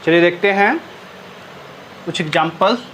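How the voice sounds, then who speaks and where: A man teaching an English grammar lesson, slowly repeating and dictating each term. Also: high voice, a bit bright, slight background noise. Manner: slow, repetitive dictation of terms.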